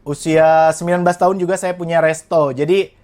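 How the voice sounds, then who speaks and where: A man's voice: fairly high pitch, steady tone, brisk, darkish tone. Earnest young Indonesian man telling his story. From Indonesia, West Java. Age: 20s. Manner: earnest storytelling, addresses listeners directly. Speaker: young entrepreneur guest. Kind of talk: motivational interview talk.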